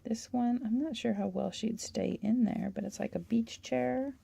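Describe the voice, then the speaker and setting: A woman hosting a toy-collecting channel, chatting and gushing through a catalog in a hoarse voice. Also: on the high side, normal speed, warm tone. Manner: chatty, gushing, with little laughs. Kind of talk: casual show-and-tell of a toy catalog.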